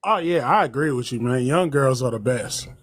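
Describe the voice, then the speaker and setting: A man calls into a livestream panel and makes his points in short, firm statements. His voice is husky, at a middle pitch for a man. The sound is dry. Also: lively intonation, moderate pace, dry recording. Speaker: panel caller. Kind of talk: casual livestream chat.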